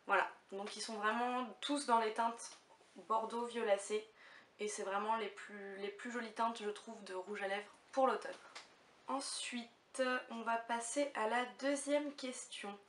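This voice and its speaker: A woman's voice: a little high, steady tone, unhurried, a bit bright. A young woman vlogging casually to camera, chatty and hesitant, with lots of fillers. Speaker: beauty vlogger. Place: room at home. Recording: echoey room, mic far off, faint hiss.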